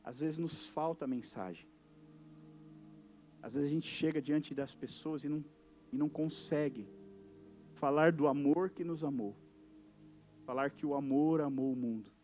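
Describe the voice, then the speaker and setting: A male pastor with a Brazilian Portuguese accent, preaching an evangelical sermon at a youth service and acting out little dialogues as his voice swings between loud and soft. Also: a little high, unhurried, long pauses, faint music behind. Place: church service.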